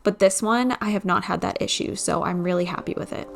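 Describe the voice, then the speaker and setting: A woman in her thirties chatting through a home cleaning vlog. Her voice sits in a middle pitch, and she talks in a candid, slightly tired way. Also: a little fast, gravelly. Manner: chatty, candid, a little weary. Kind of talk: casual vlog voice-over.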